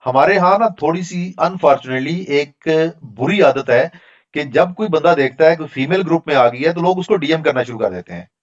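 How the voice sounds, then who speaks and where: Over a lo-fi video call, a Pakistani instructor with a higher, expressive voice and a normal pace takes students' questions in his online class. His replies are frank, explanatory and conversational.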